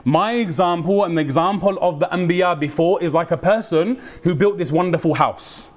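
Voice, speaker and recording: British male preacher, lively and slangy, slightly high voice, acts out quoted voices. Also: normal speed. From United Kingdom. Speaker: Islamic preacher. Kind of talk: religious talk.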